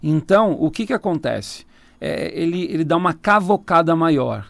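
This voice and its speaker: A man's voice: a little high, animated, moderate pace, creaky, fairly bright tone, no echo. A man with a Brazilian Portuguese accent, a tarot reader talking casually as a radio interview guest, explaining at length and laughing easily. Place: radio studio.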